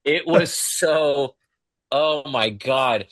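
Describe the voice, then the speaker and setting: A man's voice: medium pitch, drawn-out words, fairly bright tone, dry recording. A man co-hosting a podcast, talking bluntly in casual chat and swearing freely. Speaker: podcast co-host.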